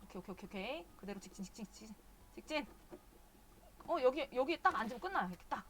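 A woman with a fairly high voice streams a game live, chatting away and swearing at the characters in exasperation. A faint hiss of noise sits under her voice. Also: expressive, quick pace, a bit bright. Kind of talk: casual live game commentary.

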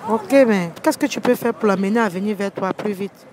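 A woman's voice: mid-range voice, brisk, a crowd in the background, rough recording. A young woman asking passers-by questions for a street interview into a handheld mic, often restarting her questions. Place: city street at night beside parked cars. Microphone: handheld microphone. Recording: outdoor street noise.

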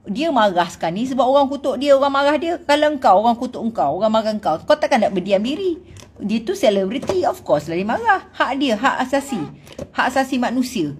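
A woman from Malaysia with a Malaysian Malay accent, scolding her online critics in a blunt, animated casual rant. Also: on the high side, fairly quick, slight background noise. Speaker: celebrity vlogger.

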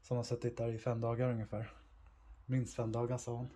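A very tired man narrating a vlog as he climbs a tall tree outdoors to rescue a cat, coaxing it with gentle calls. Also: medium pitch, completely flat delivery, a little hiss or hum.

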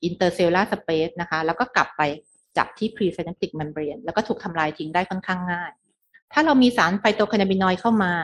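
Woman giving a medical lecture, lowish voice. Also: normal speed. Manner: explanatory, mixes English medical terms, frequent polite particles.

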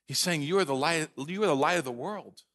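A man preaching a sermon as pastor, earnest and emphatic, slowing down to read scripture aloud. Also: fairly high pitch, fairly bright tone. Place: church sanctuary.

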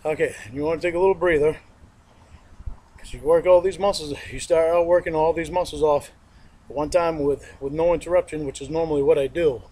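Speaking fairly quickly with an even intonation, the middle-aged home fitness instructor has a mellow voice on the high side. He demonstrates a workout on a backyard lawn, plain-spoken, sniffling from allergies, repeating himself and counting reps, as a distant camera mic records.

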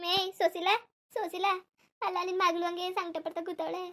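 A woman's voice: very high-pitched, little pitch movement, fairly quick, slight background noise. A woman voicing a village elder sister who wails and sobs over her dead younger sister, calling her to wake up, in a comic cartoon. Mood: wailing. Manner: loud sobbing lament, repeated calls to wake up. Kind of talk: comic cartoon mourning lament.

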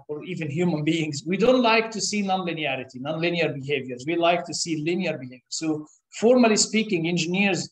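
This interview guest is a male Egyptian-born professor in his 30s whose English is a second language and whose voice is slightly high. Thoughtful and halting, he explains things with frequent "uh" pauses and restarts. He is in a conference room, recorded by a camera across the table, and the meeting room echoes.

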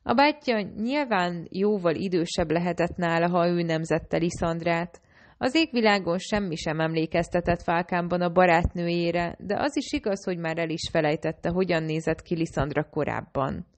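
Lower-pitched woman reading an audiobook. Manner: reads all characters in a lightly varied own voice. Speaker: audiobook narrator. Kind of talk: audiobook narration.

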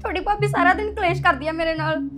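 A woman's voice: very high-pitched, fast, music in the background. A woman playing a younger daughter-in-law who plaintively complains about being mistreated at home. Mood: aggrieved.

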